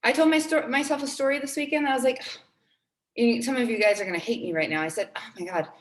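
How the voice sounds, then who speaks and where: A woman's voice: a little high, fast talker, roomy sound. A woman in her twenties giving a motivational talk to her team, earnest and upbeat, repeating key phrases for emphasis. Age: 20s. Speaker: team trainer.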